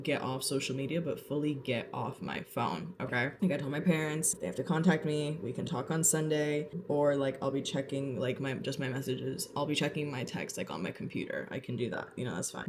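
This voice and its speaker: A young woman talks to her viewers in a loose, sassy vlog chat, full of "like" and quick asides. She sounds a little out of breath. Faint background noise sits under her voice. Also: sits low, darkish tone. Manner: chatty, sassy, lots of "like" fillers. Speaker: vlogger. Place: townhouse, indoors.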